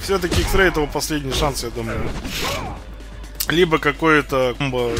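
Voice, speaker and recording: Over fighting-game music, a man with a slightly high voice offers casual, rambling live commentary on the matches at a moderate pace, often repeating his phrases as the gameplay commentator.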